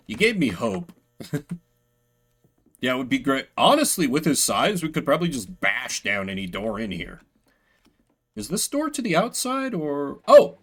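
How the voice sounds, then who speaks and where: An excitable male streamer commentates live on a video game, his pitch jumping around a lot in a bright, punchy tone. He uses loose, sweary slang and reads bits of game text aloud.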